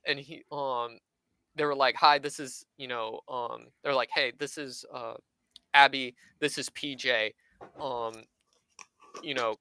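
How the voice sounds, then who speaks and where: Bright-voiced young man telling a story. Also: medium pitch, takes it slowly, smooth, no room sound, rough recording. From Southern California. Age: 20s. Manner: animated anecdote teller, acts out quoted voices. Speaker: podcast guest. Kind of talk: casual storytelling chat.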